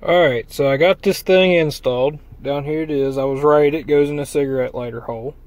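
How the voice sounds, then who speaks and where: A man's voice: fairly high pitch, fairly even intonation, a little fast, a little mellow, dry recording. A man casually showing off a truck part he had installed, rambling in a folksy way with fillers, filming on a handheld phone from inside the truck and outside by a trailer. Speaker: vlogger reviewing truck accessories. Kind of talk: casual walkthrough vlog.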